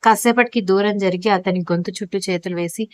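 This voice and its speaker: A woman storyteller giving smooth, even scripted narration of a romance audiobook. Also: mid-range voice, fast talker, dry recording.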